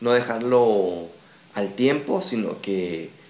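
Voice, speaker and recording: A man's voice: fairly low pitch, slow pace, reverberant. A man with a Guatemalan accent, a guest in a casual podcast conversation about running a dubbing studio, who tells his story with animation and keeps checking in with "¿verdad?". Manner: animated storyteller who acts out quoted replies, tags lines with "¿verdad?".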